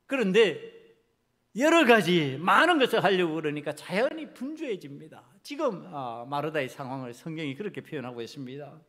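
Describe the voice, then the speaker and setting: A man preaching a sermon as pastor. He swings from quiet asides to loud, emphatic passages and acts out the people in the story. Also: on the high side, big pitch swings, normal speed. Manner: preaching with dramatic shifts in volume, acting out biblical characters. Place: church sanctuary.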